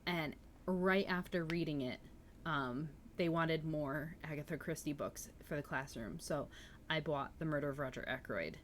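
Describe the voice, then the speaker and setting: On her book-reading livestream, a woman chats in a relaxed, eager way and answers comments from the chat. She has a low voice at a moderate pace, and a little background noise is present.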